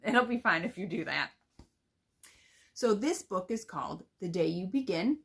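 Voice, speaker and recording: Young teacher lady, kinda low voice, chatty, showing how to read a kids book out loud. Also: expressive, normal speed, creaky, breathy edge. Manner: explains then reads aloud with expression. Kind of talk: read-aloud demonstration.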